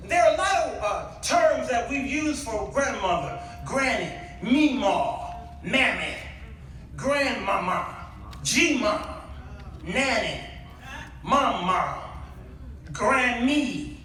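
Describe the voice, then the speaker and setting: A guest preacher's very high-pitched voice comes across pushed and bright as he leads an animated call-and-response sermon, swinging between casual storytelling and emphatic exclamation. The recording, made indoors in an echoey church hall with a distant mic, carries faint noise.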